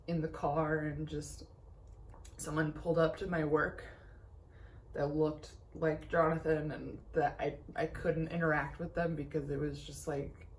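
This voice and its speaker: Young woman from texas, crying shaky voice, kinda low and gravelly, swears a lot, just venting to the camera. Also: a little mellow. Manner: candid, swears often, rambling. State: tearful, shaky voice. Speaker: vlogger. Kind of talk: personal confessional talk.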